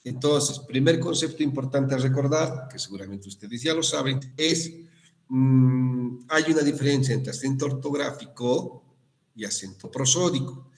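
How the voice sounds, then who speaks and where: A male teacher speaks at a medium pitch, talking over a computer microphone during an online class. He explains spelling rules step by step, stopping often to check that students follow and restarting his phrases. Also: expressive, normal speed. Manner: explanatory, frequent tag questions and restarts. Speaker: university language teacher.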